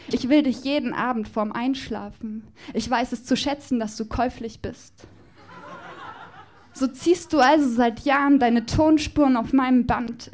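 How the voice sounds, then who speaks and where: A woman's voice: high-pitched, a little mellow. A woman performing her own comic spoken-word love poem live, with a playful, rhythmic, mock-passionate delivery. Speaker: poetry slam performer.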